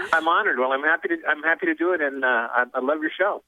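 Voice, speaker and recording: A man's voice: on the high side, quick pace, no room sound. Hesitant male caller on a phone line. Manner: hesitant, many restarts. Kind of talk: phoning in to a radio show.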